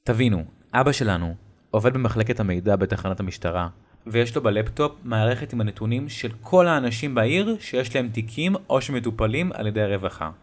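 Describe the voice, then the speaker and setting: A man's voice: medium pitch, animated. A young man telling a horror story in a casual, conversational way. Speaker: narrator. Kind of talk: scripted horror story narration. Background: faint music and crickets.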